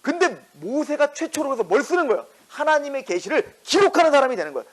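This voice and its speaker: Male pastor preaching, high voice swinging all over, tons of rhetorical questions. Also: fast talker, poor audio. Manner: animated, rhetorical questions, acts out quotes. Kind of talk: sermon.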